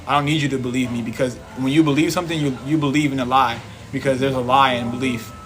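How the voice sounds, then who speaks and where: A man's voice: mid-range voice, steady tone, fast, a bit bright, a little hiss or hum. A man giving a casual, preachy livestream monologue, repeating himself and laughing often. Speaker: livestream host. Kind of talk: casual live-stream monologue.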